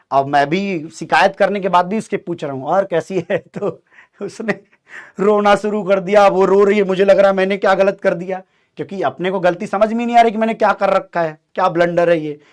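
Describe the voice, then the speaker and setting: A young man telling a childhood story in a casual, animated way, acting out the voices of people in it and often laughing. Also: high voice.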